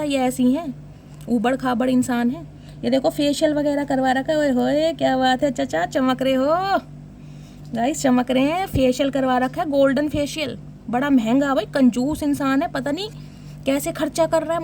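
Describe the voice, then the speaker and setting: A woman reads tarot cards for her viewers in a high, bright voice. She talks in a casual, teasing way, joking about the cards as she goes. Faint background noise sits under her voice. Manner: teasing, jokey commentary addressing viewers. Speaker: tarot reader.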